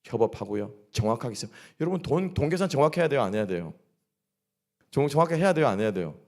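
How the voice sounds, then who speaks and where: A man's voice: mid-range voice, sing-song, fast, vocal fry, a little mellow. A man preaching a sermon at a midweek church service. He keeps asking the congregation questions and answering them himself. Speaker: pastor. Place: church sanctuary.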